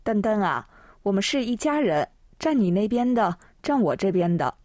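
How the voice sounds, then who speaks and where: Very slow, dry-voiced woman co-host. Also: mid-range voice, no room sound. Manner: calm, measured, explanatory. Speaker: co-host and Chinese translator. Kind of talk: bilingual language lesson.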